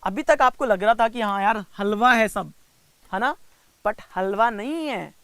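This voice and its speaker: A young Indian man teaching reasoning in a live online class, mixing Hindi with English, coaxing and teasing students by name and slowing down to spell out each step. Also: high-pitched, bright, forceful tone, smooth, no room sound. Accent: Indian English mixed with Hindi. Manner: coaxing and teasing, reads out student names, slows down to spell out steps. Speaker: reasoning teacher for bank exams.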